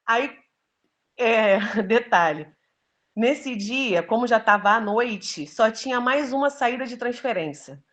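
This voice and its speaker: A woman giving an earnest, emotional personal testimony, telling her story with many fillers. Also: mid-range voice. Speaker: testimony giver.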